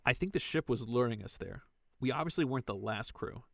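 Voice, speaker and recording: A man acts as a careful, questioning spaceship worker in a sci-fi audio drama. His voice is mid-pitched, with a dry, close sound. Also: animated, a little fast, gravelly, dry recording. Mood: curious, wary. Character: cautious, inquisitive, conscientious male spaceship salvage worker. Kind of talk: science fiction audio drama.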